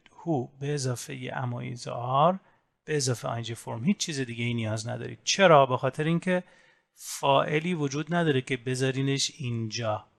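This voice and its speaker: A man teaching an English grammar lesson, explaining rules step by step and saying English example words slowly. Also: mid-range voice, creaky, fairly bright tone. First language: Persian. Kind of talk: recorded grammar lesson in Persian.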